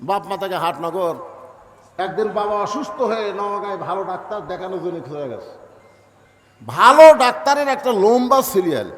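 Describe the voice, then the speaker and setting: A male preacher telling a story in a sermon, animated, swinging between loud and soft. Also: high voice. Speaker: Islamic preacher. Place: religious gathering. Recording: echoey reverberant hall sound.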